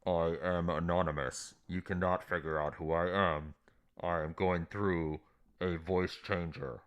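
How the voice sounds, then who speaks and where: A man doing a low masked hacker voice. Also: fairly even intonation, measured pace. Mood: ominous. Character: anonymous hacker behind a voice changer.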